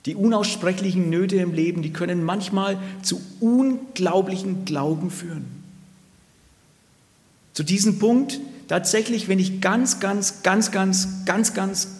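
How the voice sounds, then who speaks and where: A man delivers a sermon earnestly, circling back to repeat his key phrases. His voice sits high for a man. It rings out with a long reverb, as in a church hall. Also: a little slow. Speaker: preacher.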